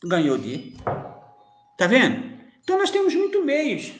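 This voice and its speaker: A man's voice: very high-pitched, wildly swooping pitch, measured pace. A man giving informal spiritual teaching as a medium, teasing and chatty, full of rhetorical questions. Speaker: spiritist medium answering viewers. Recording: roomy echo.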